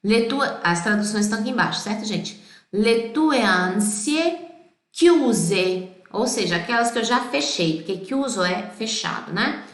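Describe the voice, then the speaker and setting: A Brazilian woman with a Brazilian Portuguese accent teaching Italian pronunciation, singing song lines slowly and explaining in quick bursts. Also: a little high, animated, roomy sound. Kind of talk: pronunciation lesson.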